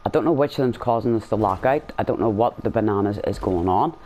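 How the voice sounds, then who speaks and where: A man's voice: lowish voice, fast, darkish tone. A man giving casual game commentary as a video host, rambling, blunt and slangy.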